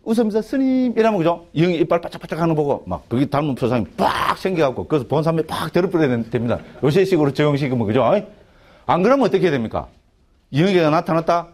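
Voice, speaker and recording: A man's voice: on the high side, lively intonation, fast. A middle-aged man with a Gyeongsang Korean accent, a monk giving a chatty class lecture on a Buddhist text, constantly asking the class "right?" and restarting his sentences.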